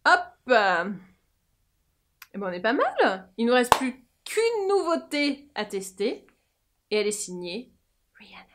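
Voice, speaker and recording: A fairly high-voiced woman talks through her make-up routine. She is chatty and playful, full of little fillers and asides. Recorded close to a camera mic. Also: wildly swooping pitch, slow, pauses often, a bit bright, slight background noise. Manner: chatty, jokey, lots of fillers and laughs. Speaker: beauty vlogger. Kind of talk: casual make-up tutorial chat.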